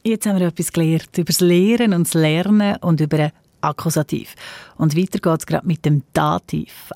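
A woman's voice: fairly low pitch, a little mellow, no room sound. A woman with a Swiss German accent, a radio host reading out a listener's question and leading into the next item in a studio.

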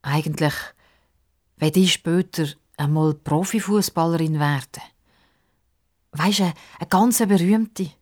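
A woman's voice: mid-range voice, expressive, normal speed, darkish tone, lightly acted. A woman voicing an eager, impatient young girl. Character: impatient young girl who loves football.

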